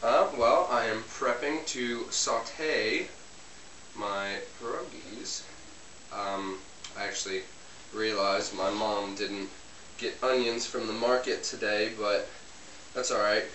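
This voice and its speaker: In this amateur comedy sketch interview, a man plays a young Polish guy who cooks at home and talks hesitantly, dropping many ums, in a relaxed way. His voice is fairly low and a bit bright, slow, with fairly even intonation. Recorded on a distant camera mic, the audio is roomy and hissy.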